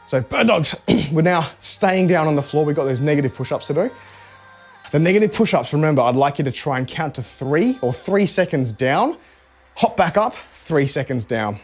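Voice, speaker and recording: A man's voice: a little high, lively intonation, normal speed, slightly rough. A man coaching a live workout in a casual, conversational way, cueing exercise moves step by step. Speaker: fitness coach. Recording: music behind the voice. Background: music.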